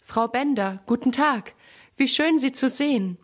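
A woman's voice: mid-range voice, moderate pace, close to an everyday voice. A woman voicing a cheerful mother sheep in a children's story, talking in a friendly, polite, welcoming way.

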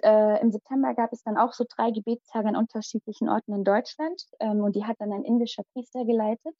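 A young woman whose first language is Malayalam tells a personal story as an interview guest, lively and dramatic. Her voice sits on the high side, and the dull audio carries no room sound.

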